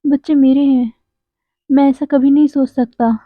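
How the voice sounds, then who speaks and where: A woman voicing a remorseful young husband who answers briefly and quietly. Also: high voice, steady tone, moderate pace, dry recording, lightly acted. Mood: subdued. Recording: dry, tinny phone-like sound.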